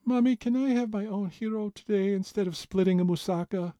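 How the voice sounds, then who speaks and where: Storybook role: eager six-year-old girl, high wheedling plea, played by a man narrator. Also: fairly quick, warm tone, no room sound, clean studio sound, natural voice. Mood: pleading.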